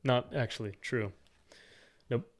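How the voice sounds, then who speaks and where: A young man co-hosting a podcast, chatting casually with teasing, deadpan quips. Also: medium pitch, takes it slowly, a crowd in the background. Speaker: podcast co-host.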